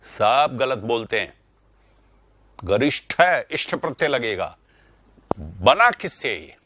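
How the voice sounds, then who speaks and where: A man's voice: medium pitch, sing-song, takes it slowly, sharp tone, slight background noise. A male teacher giving an online grammar lesson, asking rhetorical questions and repeating key words for stress.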